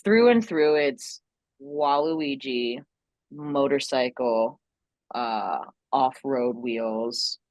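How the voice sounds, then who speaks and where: A woman with a low voice chats as a podcast guest, playful and rambling, often breaking into laughter. Her voice sounds dry and close, with no room echo. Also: extremely slow, a little mellow. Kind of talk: casual podcast chat.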